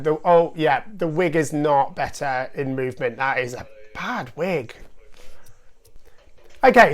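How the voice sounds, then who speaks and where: Woman, low-pitched host of a comic review show, dry and sarcastic delivery. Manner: dry, sarcastic, wry asides. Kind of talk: comic film review commentary.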